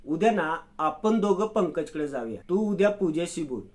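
A man's voice: a little high, animated, normal speed, natural voice. A man voicing a worried young man who pleads with and coaxes his friend, inside a storybook recap. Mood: soothing. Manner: pleading, coaxing.

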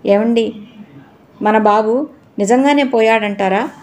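A woman's voice: a little high, slow, darkish tone. A woman voicing a grieving middle-aged mother in an audio novel, tearful and pleading. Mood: grief-stricken.

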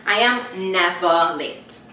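A young woman, a university student, chatting casually in a teasing, expressive way. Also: lowish voice, takes it slowly. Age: young adult. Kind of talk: casual chat. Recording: roomy, mic at a distance, faint hiss.

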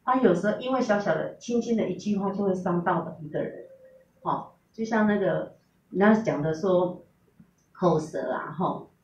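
A woman's voice: on the low side, darkish tone, a little hiss or hum. Middle-aged woman, sincere testimony, mic set back in a reverberant room. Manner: earnest, recounting with quoted dialogue. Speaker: testimonial speaker. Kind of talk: personal testimony, storytelling. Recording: roomy, distant, dull recording.

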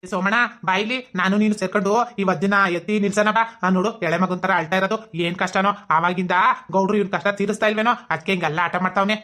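A man's voice: high voice, steady tone, racing, a bit bright. Man playing a fussing villager. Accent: Mandya Kannada. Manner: fussing, exclaiming.

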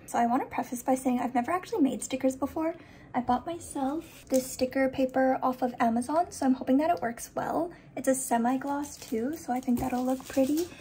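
A woman's voice: sits high, dark tone, slight background noise. A young adult woman chatting casually to camera in a rambling vlog style, thinking aloud, recorded on a phone at arm's length at home. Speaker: vlogger, small business owner. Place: rooms of a home, bedroom and kitchen.

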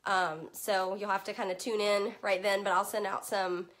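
Her pitch is medium and barely moves, her pace moderate, her tone a bit bright. She's a young children's book consultant and host from Virginia, chatting casually with a live audience from a home room full of books, her voice going because of allergies. Expect lots of "um"s, an upbeat manner, viewers greeted by name, and webcam audio from desk distance.

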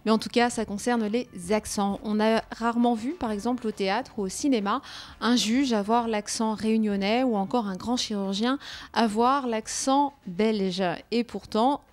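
Higher-voiced woman presenting a guest. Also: steady tone. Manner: measured, read-out introduction. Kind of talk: scripted presentation.

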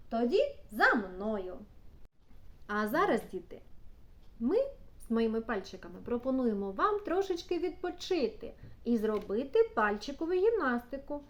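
A woman teaching a preschool class, asking the children slow, sing-song questions. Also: fairly high pitch. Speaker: kindergarten teacher. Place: kindergarten classroom.

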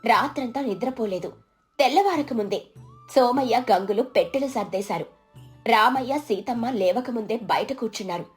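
A woman narrating a village moral story in an expressive, scripted storybook style. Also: on the high side, normal speed, faint music behind.

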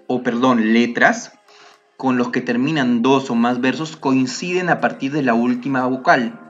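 A man's voice: mid-range voice, lo-fi sound. A man teaching a lesson on poetry, explaining patiently step by step and correcting himself as he goes.

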